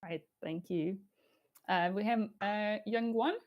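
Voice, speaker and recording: A woman's voice: mid-range voice, slow pace. A woman chairing an online event in a semi-formal way, speaking over a video call. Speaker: chair and host.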